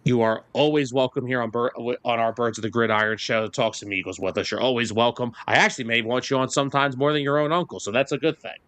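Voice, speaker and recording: Brash sports radio host, dry mic. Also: male voice, medium pitch, fairly even intonation, fast talker, few pauses, a bit bright, no echo. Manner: brash, joking, rambling sign-off. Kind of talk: casual sports talk.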